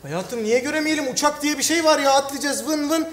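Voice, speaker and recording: A man's voice: extremely high pitch, a little fast, fairly bright tone. A man performing a stage comedy sketch, rambling through exaggerated excuses. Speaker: comedy sketch actor playing a boyfriend. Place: television studio stage with live audience. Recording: echoey stage with audience noise.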